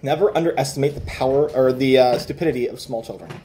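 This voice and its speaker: A man's voice: medium pitch, quick pace, mellow, slight background noise. A man narrating a tabletop role-playing game as game master, casual and loose, with fillers and laughter.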